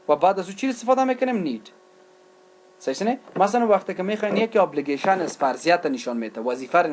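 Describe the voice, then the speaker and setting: A man's voice: high voice, darkish tone, a little hiss or hum. A man with an Afghan accent, a native Dari speaker, lecturing on English grammar. He switches between Dari and English and asks questions, then answers them himself. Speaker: English teacher. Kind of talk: recorded lecture.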